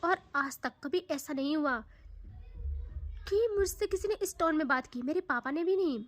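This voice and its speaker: A woman's voice: high-pitched, moderate pace, lightly acted. A woman voicing a pampered, proud young woman who talks in a pouty, indignant way.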